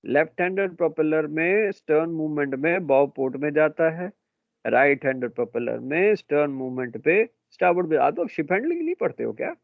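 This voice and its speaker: A man's voice: a little high, lively intonation, a little fast, vocal fry, no echo. A middle-aged man, lecturing a class and quizzing his students, calling them beta and bhai. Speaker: marine engineering teacher. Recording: dry tinny phone-like classroom recording.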